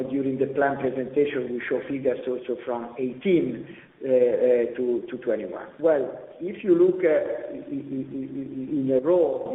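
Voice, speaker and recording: On an earnings conference call, a male executive presents company results in semi-scripted business talk. His mid-range voice is halting, with repeated words and long, drawn-out pauses. The audio is slightly dull and echoes like a hall.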